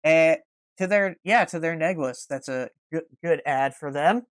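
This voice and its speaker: Smooth-voiced man hosting. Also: fairly high pitch, unhurried, dry recording. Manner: reads news items then riffs on them. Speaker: podcast host. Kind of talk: casual sports podcast chat.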